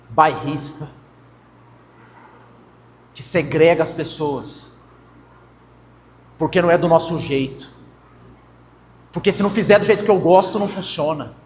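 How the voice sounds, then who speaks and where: Young Brazilian pastor, high voice, hall reverb. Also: male voice. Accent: Brazilian Portuguese. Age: young adult. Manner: conversational preaching with anecdotes, addresses congregation as brothers. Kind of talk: sermon. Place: church hall. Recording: long church hall reverb.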